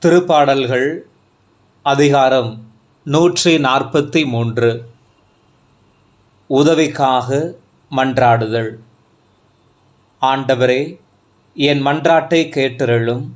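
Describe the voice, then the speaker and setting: Slow, reverent male scripture reader. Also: mid-range voice. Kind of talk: slow, measured scripture reading.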